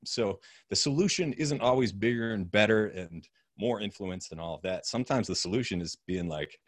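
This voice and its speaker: A man's voice: mid-range voice, no room sound, studio quality. A man as a podcast guest, talking in an easygoing, reflective way with casual filler words. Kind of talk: casual conversation.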